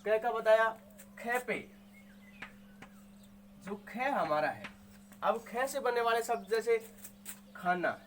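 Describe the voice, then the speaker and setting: A man with a high, expressive voice teaches Hindi grammar to students, speaking slowly with long pauses. He sounds out each word, repeats it patiently, and asks and answers his own questions. His tone is fairly bright, with slight background noise.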